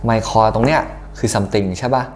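A young man with a Thai accent teaching an English grammar lesson, lively, often checking that students follow along. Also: lowish voice, a little slow, slight background noise. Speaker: English exam tutor.

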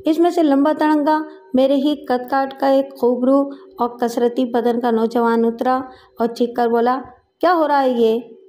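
A woman reading a crime story aloud in a steady, dramatic storytelling manner. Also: high voice, a little slow. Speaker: audiobook narrator. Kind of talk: scripted narration of a crime story.

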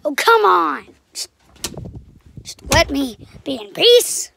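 A woman recording a rambling casual vlog from inside a closet, drifting between soft whispers and excited bursts. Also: high voice, slow, creaky, slight background noise. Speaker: video creator.

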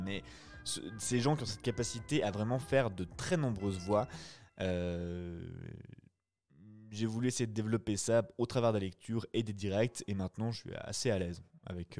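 A man's voice: lowish voice, moderate pace, a little mellow, faint music behind. A man, chatting casually with his live viewers after a reading in a friendly, reflective way. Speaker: streamer and voice-acting reader.

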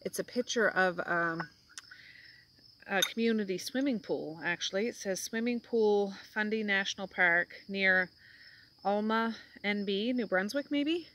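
A woman's voice: medium pitch, unhurried, fairly bright tone, slight background noise. A middle-aged woman hosting a casual book chat over tea at home, talking in a rambling, homey way. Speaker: book vlog host. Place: home, indoors.

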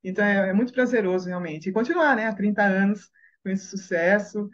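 A middle-aged Brazilian woman, a singer, telling stories with lively bursts of excitement in a radio interview. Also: mid-range voice, fairly quick. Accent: Brazilian Portuguese. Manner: lively storyteller, tag questions, bursts of excitement. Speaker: singer and guest. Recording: dull lo-fi radio recording.

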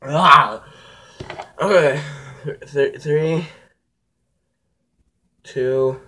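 A young man filming a hot sauce challenge vlog, talking casually to viewers and reacting loudly as his mouth burns. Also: medium pitch, measured pace, pauses often, breathy edge. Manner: excitable, talks to viewers, reacts loudly to heat. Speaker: vlogger.

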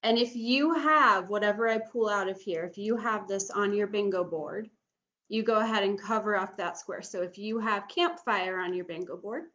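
A woman's voice: medium pitch, normal speed, a bit bright. A young adult woman hosting as a bingo caller, casually explaining and repeating items for an online audience in a room at home. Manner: bingo caller announcing and repeating each item, instructional. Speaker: bingo caller, camp game host. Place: small room at home, indoors.

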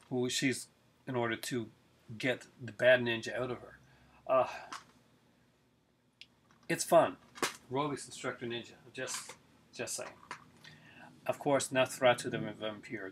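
A middle-aged man eagerly chats about his film collection in a casual video review, rambling and using many fillers. His mid-range voice has a fairly bright tone, recorded on a close-range webcam in his living room with slight background noise.

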